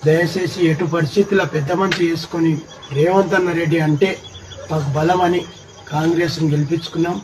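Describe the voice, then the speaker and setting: A man's voice: a little high, steady tone, brisk, noisy background. A man with a Telangana Telugu accent, an auto driver, earnestly pleading with a politician for help. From Telangana, India. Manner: earnest, pleading, repeated "sir".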